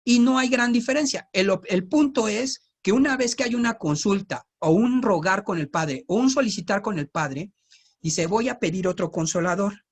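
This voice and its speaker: A man with a Mexico City Spanish accent gives a Bible teaching in a relaxed, chatty way. He keeps checking in with his listeners through tag questions and slips in joking asides. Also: sits high, normal speed, husky.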